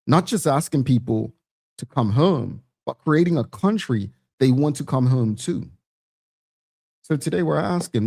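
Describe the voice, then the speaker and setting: A man with a thick Bermudian accent hosts a discussion show. His voice is mellow and soft-edged, sitting at an average male pitch. He talks straight to his audience in a conversational way, posing questions to them. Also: vocal fry. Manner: rhetorical questions, addressing the audience directly. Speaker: talk show host.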